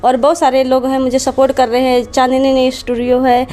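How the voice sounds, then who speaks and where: High-pitched woman from delhi, keeps repeating herself to make a point, casual interview guest. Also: level tone, fairly quick, mellow. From Delhi, India. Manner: emphatic, repeats her point insistently. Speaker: interview guest, social media creator.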